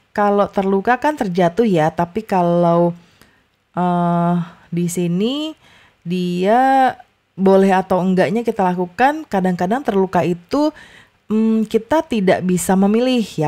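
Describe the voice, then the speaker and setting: A young woman tutoring young children in a chatty, casual way, often adding a soft "ya" and stressing words strongly to model intonation. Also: lowish voice. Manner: chatty, many fillers and tag "ya"; exaggerated emphasis when modeling intonation. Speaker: online tutor.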